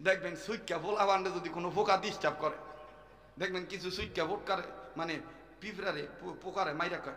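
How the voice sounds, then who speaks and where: A man preaching a comic sermon at an open-air gathering. He chants long rhythmic lists, shouts call-and-response lines to the crowd, and drops into quick joking asides. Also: sits high, fairly even intonation, a little hiss or hum. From Shariatpur, Bangladesh. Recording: echoey loudspeaker sound with long reverb, faint crowd.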